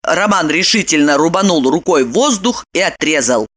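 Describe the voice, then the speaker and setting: A woman narrating an audiobook in an expressive storytelling manner. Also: sits low, moderate pace. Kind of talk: scripted narration.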